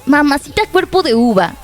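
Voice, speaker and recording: A young woman giving casual gameplay commentary, laughing often, shouting at the game and reading pickup lines aloud. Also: sits high. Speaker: streamer.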